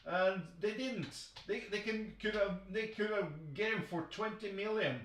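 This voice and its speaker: A man hosting a football chat stream. He talks excitably, swears often, and restarts his sentences a lot. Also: high-pitched, unhurried, echoey room, recorded from a distance, poor audio. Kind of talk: live football commentary chat.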